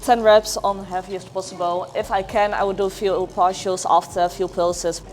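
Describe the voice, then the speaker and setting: Inside a noisy indoor gym, a woman with a medium-pitched, slightly mellow voice speaks flatly at a moderate pace. As an athlete and coach, she gives casual, encouraging workout instruction, explaining each step.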